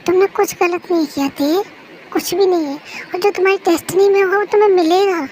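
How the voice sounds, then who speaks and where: Someone voicing a patient, caring young husband in a fan-made audio drama, soft and reassuring. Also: very high voice, fairly even intonation, fairly quick, a little hiss or hum, rough recording.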